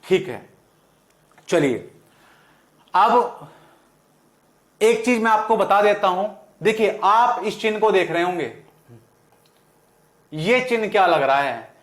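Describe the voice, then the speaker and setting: A man's voice: high voice, expressive, takes it slowly, long pauses, fairly bright tone, roomy sound. A male Hindi teacher with a western Uttar Pradesh accent, giving a lesson and answering his own questions again and again. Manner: repeats questions and answers them himself. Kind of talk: classroom lesson.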